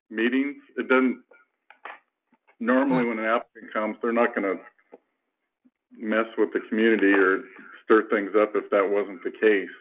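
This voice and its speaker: Low-voiced man over a landline phone. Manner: measured, halting, with many fillers. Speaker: commissioner at a public planning hearing. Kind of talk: formal questioning at a public meeting. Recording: tinny landline phone line.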